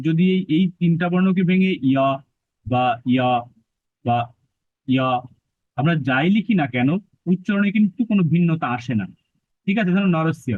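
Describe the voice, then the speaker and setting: A man giving a patient pronunciation lesson, repeating syllables slowly to demonstrate. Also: sits high, no echo. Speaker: pronunciation teacher. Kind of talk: explanatory lesson. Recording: dry, phone-like narrow sound.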